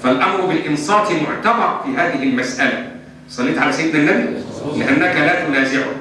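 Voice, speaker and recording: An Islamic scholar with an Egyptian Arabic accent answers religious questions in a lesson, speaking emphatically and fast in a slightly high voice while blending formal and colloquial speech. He's recorded from far off in an echoey hall with a faint hum.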